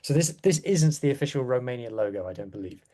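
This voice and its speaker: A man's voice: mid-range voice, lively intonation, quick pace, mellow. A man chatting casually as a rugby podcast guest, with wry, self-deprecating asides. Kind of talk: casual chat.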